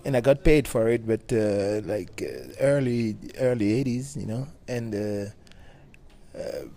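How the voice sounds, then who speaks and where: A middle-aged man from Cameroon, a bassist talking casually in an interview with many halting restarts. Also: creaky, mellow. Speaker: guest bassist.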